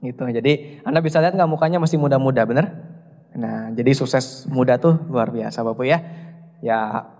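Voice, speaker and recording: A man's voice: mid-range voice, normal speed, darkish tone. A young man giving a motivational business seminar, telling stories with jokes and quizzing the audience. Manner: jokey storytelling, keeps quizzing the audience. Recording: long hall reverb.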